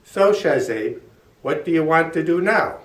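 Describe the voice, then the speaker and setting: Warm, excitable old grandpa read by a man, hearty storybook style, highish pitch, roomy distant sound. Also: a little slow. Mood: glad, welcoming. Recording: roomy echo, distant from mic.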